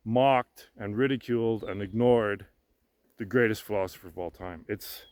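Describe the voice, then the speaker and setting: Self-assured and a bit boastful, a vlogger shares his outlook while walking a woodland pond path, his talk halting, repetitive and prone to trailing off, with casual swearing. The voice sits lowish and slightly mellow, clear and resonant, with no echo.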